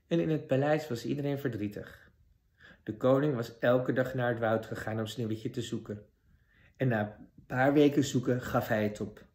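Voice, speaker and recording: A man reading a children's fairy tale aloud with expressive narration. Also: mid-range voice, moderate pace. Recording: roomy echo.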